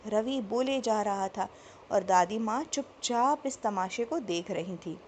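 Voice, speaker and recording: A woman narrating a family story in an expressive, emotive reading. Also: mid-range voice, unhurried, a little hiss or hum.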